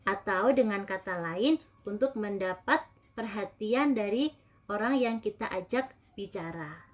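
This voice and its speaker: A woman teaching an English lesson, giving slow and careful explanations and leading repeat-after-me drills. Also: fairly high pitch. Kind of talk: recorded online English lesson.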